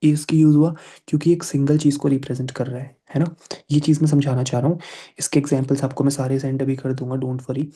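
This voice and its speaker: A man's voice: medium pitch, flat delivery, fast talker, dark tone, slightly rough. A man teaching an online English grammar class. He mixes English into his explanations and voices his students' questions.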